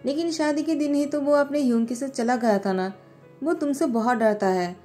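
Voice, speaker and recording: A woman's voice: high-pitched, moderate pace, dark tone, faint music behind, lightly acted. Woman playing a curious young male coworker. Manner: questioning, curious. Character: curious young male colleague, prying friend.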